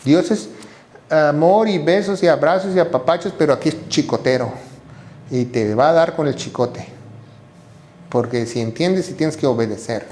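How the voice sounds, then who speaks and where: A man's voice: a little high, normal speed, a little mellow, a little hiss or hum. A man preaching a sermon as pastor, asking rhetorical questions and checking in with "¿verdad?". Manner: acts out quoted voices.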